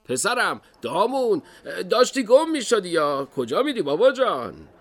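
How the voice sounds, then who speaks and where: An affectionate father speaks gently to his little son, as a man puts him on. His tone is light and warmly teasing. It sounds like a scene from a radio storybook. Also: high voice, wildly swooping pitch, voice pushed up, exaggerated voice. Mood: fond. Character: warm, fond father of a little boy.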